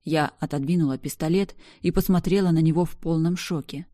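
Female narrator, low dark voice, dry close sound, intense story reading. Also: fairly even intonation, brisk, no room sound. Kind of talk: first-person story reading.

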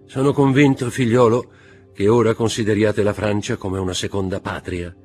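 A man's voice: on the low side, fairly even intonation, normal speed, a little mellow, breathy edge, faint music behind, voice pushed up. A man voicing a pompous older man who poses as a father, grave and stiff.

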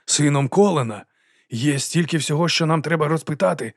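Flustered male monk acolyte, stammering, slow halting speech, storybook figure, read by a man. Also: a little high, no room sound, clean studio sound, pitched above the performer's own voice.

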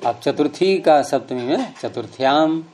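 Middle-aged guy teaching a class, mellow voice, patient, keeps quizzing students. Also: a little high, lively intonation, moderate pace, slight background noise. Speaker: Sanskrit teacher. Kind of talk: classroom grammar lesson.

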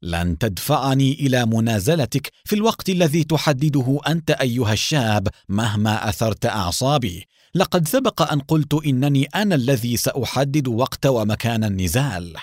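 A swaggering masked rider, put on by a male storyteller, boastful and mocking as he taunts his opponent. The voice moves lively in pitch. It is recorded close and dry. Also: a little fast, dry recording. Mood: taunting.

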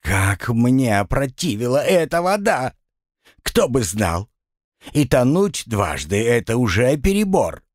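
A man's voice: mid-range voice, sing-song, measured pace, dry recording, clean studio sound, pitched above the performer's own voice. A man doing a grumbling drowned spirit. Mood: flustered. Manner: complaining, exasperated. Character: drowned man's spirit, grumbling, self-pitying, wry. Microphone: close studio mic.

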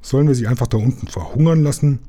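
A man voicing a rough pirate asking quick questions in a storybook reading. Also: mid-range voice, dark tone, voice pushed up, lightly acted. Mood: curious. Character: rough male pirate, curious and hasty.

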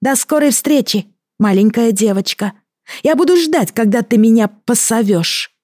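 Woman reader doing a squeaky gurgly little water-monster guy, talks all weird and broken, dry close sound. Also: expressive, a little mellow, dry recording. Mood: triumphant. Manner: odd, halting speech with mispronounced words. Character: small bony male water creature, bubbling, strange. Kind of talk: audiobook character voice.

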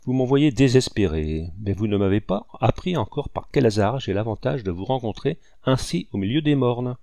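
A man's voice: mid-range voice, animated, normal speed, creaky, mellow, no echo, clean studio sound. A man reading as a mocking iron-willed hunter. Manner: mocking, teasing.

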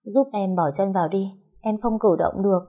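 A woman's voice: medium pitch, moderate pace, dark tone, pitched above the performer's own voice, lightly acted. A woman voicing a sly young woman who whines and sobs to win sympathy. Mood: whining. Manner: whiny, sobbing pleading. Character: young rival woman, whiny, sly, crocodile tears.

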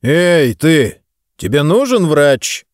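A man's voice: on the high side, very animated, takes it slowly, no echo, studio quality, voice pushed up. A man voicing a stern, dismissive wealthy father who speaks curtly and gives orders, in an audiobook. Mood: impatient. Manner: curt, scornful, commanding.

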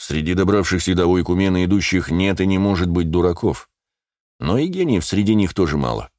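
Guy reading a fantasy audiobook, low deep voice, dry close mic, steady pace. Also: a little fast, dry recording. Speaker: audiobook narrator. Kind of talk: first-person audiobook narration.

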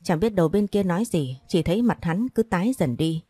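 A woman narrating a dramatic story in a steady voice. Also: fairly low pitch, a little fast, husky, dry recording.

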